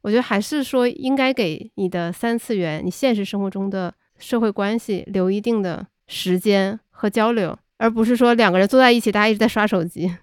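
A woman hosting a podcast chat, speaking in a measured, reflective way. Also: medium pitch, smooth, no room sound, clean studio sound. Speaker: podcast host.

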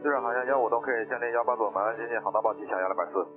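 A man's voice: lowish voice, fairly even intonation, very fast. Man, airline pilot on a cockpit headset radio, clipped procedural readbacks, tinny narrow sound, music underneath. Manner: terse, clipped procedural phrasing. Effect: pilot speaking over a cockpit headset radio. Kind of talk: radio readbacks to air traffic control.

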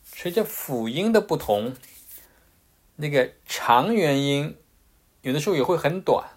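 A man's voice: a little high, expressive, unhurried. A man teaching English pronunciation in a casual, patient way, with frequent fillers and restarts. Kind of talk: casual explanatory lesson.

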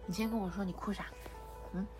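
A woman's voice: mid-range voice, steady tone, fast talker. A mother chatting at bedtime with her young daughter, teasing her playfully, laughing often and soothing her. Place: home at bedtime. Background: soft music she plays.

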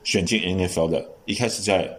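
A man hosting a casual sports podcast chat, giving long lively explanations with frequent restarts. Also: low voice, fairly quick. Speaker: podcast host.

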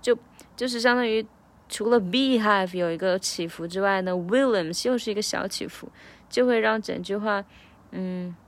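A woman, an English teacher, casually talking through her lyric practice in a reflective vlog. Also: medium pitch. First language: Chinese. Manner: reflective, breaks lyrics into slow drills.

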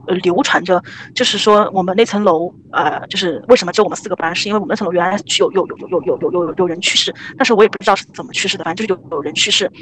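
A young woman casually telling a ghost story on a podcast, rambling and animated with many restarts. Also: medium pitch, slight background noise.

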